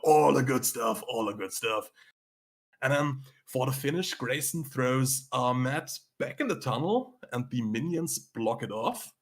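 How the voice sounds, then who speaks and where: Dry-humored podcast co-host man. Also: medium pitch. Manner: dry teasing humor, relaxed recapping. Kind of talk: casual wrestling chat.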